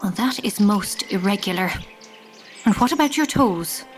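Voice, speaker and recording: A woman playing a haughty, sharp-tongued old queen in an audio drama. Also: mid-range voice, lively intonation, moderate pace, faint music behind, close to an everyday voice. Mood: impatient, probing. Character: haughty, menacing Snow Queen posing as friendly old woman.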